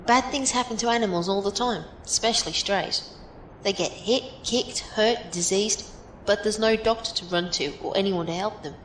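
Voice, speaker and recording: A woman plays a plainspoken, philosophical survivor in an audio drama, offering frank, matter-of-fact advice in an encouraging way. Her fairly bright voice moves at normal speed and is lightly acted, with a roomy echo and faint rumble in the background.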